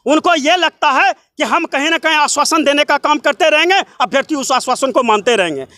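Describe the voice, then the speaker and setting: A young man with a Bihari accent giving an impassioned interview in a breathless, run-on, forceful way, piling up clauses, repetitions and rhetorical questions. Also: very high voice, animated, fairly quick, no echo, clean studio sound. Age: young adult. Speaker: job candidate and protester being interviewed.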